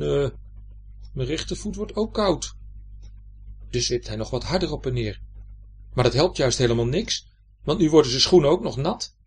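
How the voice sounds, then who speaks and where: A man narrating a children's story in an expressive, lively way. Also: mid-range voice, husky.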